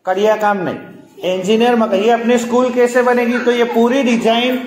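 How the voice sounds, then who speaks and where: A man's voice: very high voice, flat delivery, normal speed, darkish tone. A man teaching a class of young children. He coaxes them patiently through words and sentences, repeating each one. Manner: patient, coaxing, repetitive drilling. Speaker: primary school teacher. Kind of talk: classroom lesson. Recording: echoey noisy classroom.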